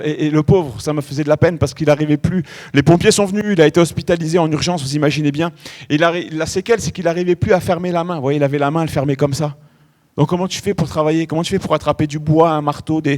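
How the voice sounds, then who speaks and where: A middle-aged man preaching a sermon in a church, telling stories with lots of energy and drawing out key words. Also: fairly high pitch. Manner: animated storytelling preacher, stretching key words. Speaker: pastor.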